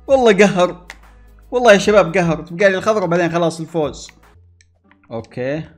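Excitable guy narrating his gameplay, voice jumps up and down a lot. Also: high-pitched, fast, soft background music. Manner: excitable, exclaiming and talking to himself and viewers. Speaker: gaming YouTuber. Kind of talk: gameplay commentary.

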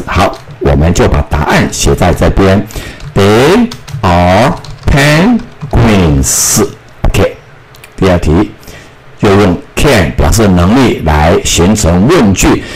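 Guy teaching english, slow and careful, voice goes up and down a lot, bit of hiss. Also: fairly low pitch, rough recording. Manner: slow, drawn-out model phrases with a lively voice; sounds out spellings and repeats words. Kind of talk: recorded classroom lesson.

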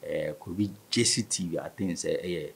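A low, gravelly male voice at normal speed, with a little hiss or hum in the recording. The man, in his thirties with a Ghanaian West African accent, speaks conversationally as a sports interview guest, mixing Twi and English. It's captured in a small indoor studio on a table-stand studio mic.

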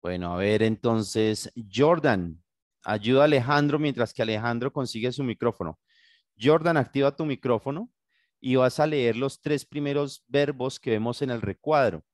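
A man's voice: medium pitch, moderate pace, dry recording, studio quality. A Colombian man teaching an English class over a video call in Spanish, patient and guiding, often checking in with his students. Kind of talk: online class, bilingual instruction. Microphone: computer mic on video call.

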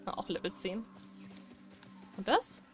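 A young woman giving casual let's play commentary, chatty and excitable, breaking into loud squeals. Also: mid-range voice, measured pace, soft background music. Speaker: gaming streamer.

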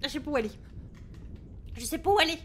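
A woman's voice: high-pitched, animated, fast talker, background noise. A woman streaming a horror game, panicking, swearing and shrieking at it between thanks to viewers.

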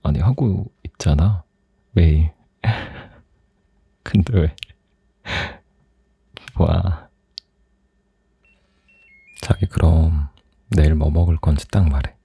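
A young man performs an ASMR role-play as a teasing, caring boyfriend. His voice is very dark and mellow, with a breathy, husky texture. He takes his time, speaking softly and intimately right at the mic. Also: a bass voice, drawn-out words, pauses often, no echo. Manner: soft, intimate, teasing, chuckling. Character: teasing, doting boyfriend on a late call. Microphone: close microphone.

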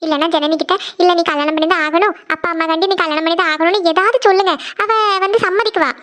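Someone doing a squeaky, comforting cartoon sister. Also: fairly bright tone. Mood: coaxing. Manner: coaxing, reassuring, rapid questions. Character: caring younger sister comforting her elder sister. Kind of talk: Tamil cartoon series dialogue.

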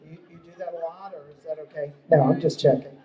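A man's voice: on the high side, steady tone, fast talker, dark tone, recorded from a distance. A man hosting a live charity dance event, upbeat and a little stumbling over his words in a ballroom. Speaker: emcee. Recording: echoey hall, mic from afar.

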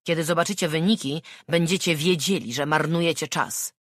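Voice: medium pitch, animated, normal speed, fairly bright tone, dry recording, studio quality, voice pushed up. A narrator reading an audiobook and voicing a brusque, defiant suspect under interrogation. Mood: defensive. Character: defensive, indignant murder suspect.

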